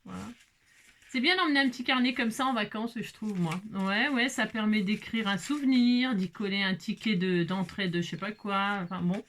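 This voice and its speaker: A woman craft vlogger talks casually to her viewers at a middle pitch as she works. She gushes and exclaims over each small find. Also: moderate pace, fairly bright tone. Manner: gushing, exclaims over every detail; chatty, talks to viewers while working. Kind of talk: casual crafting tutorial chat.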